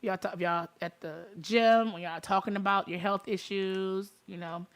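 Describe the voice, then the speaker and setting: This is casual talk show chat from a Detroit woman with a Detroit accent who addresses her listeners directly. Her mid-range voice is clear and resonant, with fairly even intonation and an unhurried delivery.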